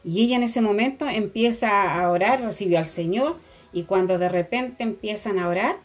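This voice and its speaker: A woman's voice: mid-range voice, moderate pace. Woman telling a testimony. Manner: storytelling, hesitant with fillers. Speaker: radio co-host.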